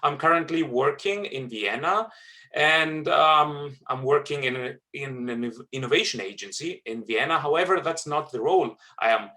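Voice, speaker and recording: Man, bright clear voice, webinar trainer, earnest, lots of fillers. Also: on the high side. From Greece. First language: Greek. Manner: earnest, halting with many fillers and restarts. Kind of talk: presenting a webinar.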